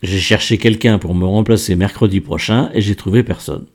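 A man's voice: on the low side, fairly quick, a little mellow. A man playing an earnest young schemer. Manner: earnest, explaining plans in detail.

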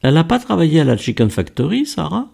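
A man's voice: on the high side, sing-song, quick pace, creaky, a little mellow, breathy edge, voice pushed up, full character voice. A man voicing an anxious young factory worker who earnestly lays out a plan, within a read-aloud story. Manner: earnest, explaining plans in detail.

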